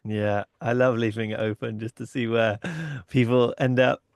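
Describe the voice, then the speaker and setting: A man's voice: medium pitch, flat delivery, normal speed, smooth, dry recording, studio quality. A man hosting a podcast interview, talking in a thoughtful, casual way with many "like"s. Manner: thoughtful, uses "like" often, acts out inner thoughts. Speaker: podcast host.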